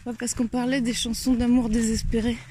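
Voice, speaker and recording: A woman's voice: on the high side, flat delivery, brisk, background noise. A woman hosting a casual walking chat, playful and laughing often. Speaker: host. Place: outdoors in the countryside.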